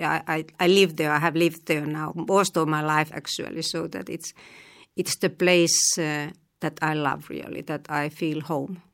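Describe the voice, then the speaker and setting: A middle-aged woman from eastern Finland with a Finnish accent, a language teacher answering interview questions thoughtfully, with many pauses and restarts. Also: fairly low pitch, a bit bright.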